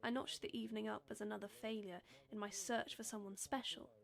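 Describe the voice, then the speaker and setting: A young woman, narrating her own strange story in a nervous, self-deprecating monologue with many halting fillers. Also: mid-range voice, little pitch movement, gravelly, crowd noise. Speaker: narrator and lead character. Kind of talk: first-person dramatic monologue.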